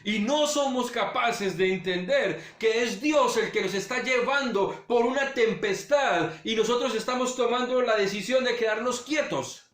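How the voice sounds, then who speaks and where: Man preaching a sermon, highish voice, talks right at you, goes loud then hushed, roomy echo. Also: a little slow, hardly any pauses. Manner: swings between loud urging and hushed low delivery; direct address to listeners. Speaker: pastor.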